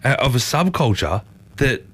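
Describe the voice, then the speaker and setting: A man's voice: mid-range voice, very animated, normal speed, fairly bright tone, husky. A middle-aged man hosting a casual radio interview, chatty and enthusiastic. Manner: chatty, enthusiastic, calls people mate. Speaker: radio host.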